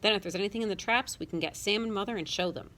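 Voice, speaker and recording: A woman's voice: medium pitch, rapid-fire, a bit bright, close to an everyday voice. A woman voicing an earnest, kind young farm boy in a storybook, with folksy country talk. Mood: eager.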